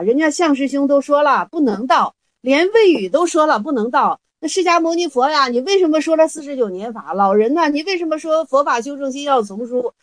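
A woman with a high, bright voice leads a Buddhist study group through a Zen koan. She reads the classical lines slowly and deliberately, then explains them in lively, playful speech full of rhetorical questions. The sound is very dry and close, with almost no room echo.

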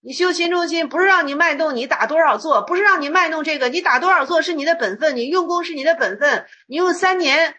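A woman's voice: sits high, fast, hardly any pauses, pushed and bright. A woman teacher giving a colloquial dharma talk on Chan koans, repeating herself and acting out the dialogues. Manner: colloquial, repetitive, acts out dialogues. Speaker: Buddhist teacher.

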